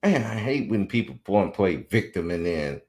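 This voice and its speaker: Here a podcast host in his forties talks at normal speed in a deep voice. He's blunt and animated, giving opinionated takes and occasionally mocking those he quotes.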